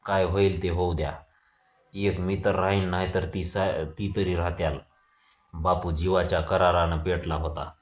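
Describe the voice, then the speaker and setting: Low steady guy reading a long story out loud, roomy echo. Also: measured pace. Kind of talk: audiobook reading of a Marathi novel.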